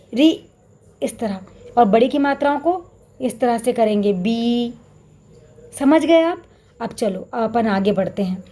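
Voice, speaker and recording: A woman's voice: on the high side, dark tone. A woman teaching a recorded lesson to young children, explaining patiently and often addressing them directly. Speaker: primary school teacher. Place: Chhattisgarh, India.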